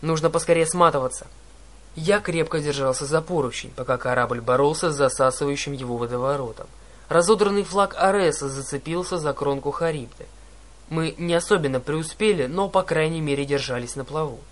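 A man's voice: on the high side, a little fast. Dramatic male audiobook narrator. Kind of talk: scripted first-person narration.

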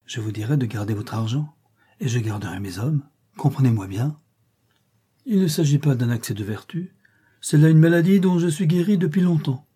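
A man's voice: medium pitch, moderate pace, warm tone, slightly rough, natural voice. A man voicing a cynical, mocking male bandit captain with an ironic manner in an audiobook reading.

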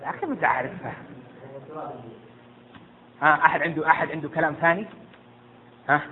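A man teaching jurisprudence to a class, quizzing and hushing students, often stumbling and repeating words. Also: a little high, very fast. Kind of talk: interactive classroom lesson. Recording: tinny lo-fi with faint noise.

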